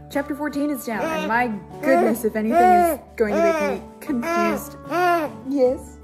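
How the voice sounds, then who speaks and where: A woman's voice: high-pitched, a little slow, long pauses, music in the background. A young woman chatting casually about a book she is reading, rambling a little and making self-deprecating asides, recorded at home in a living room on a tablet's built-in mic. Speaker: book club vlogger. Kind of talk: casual book discussion chat. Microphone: tablet built-in mic, close and low.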